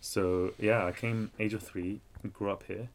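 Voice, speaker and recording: In an unhurried, lowish voice, an Iraqi-born guest author in his thirties chats casually in London English. His interview talk is energetic, loaded with fillers, and punctuated by easy laughter.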